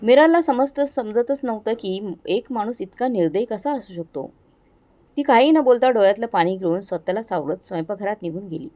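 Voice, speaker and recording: A woman narrating a moral story in a steady, dramatic scripted reading. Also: mid-range voice, normal speed.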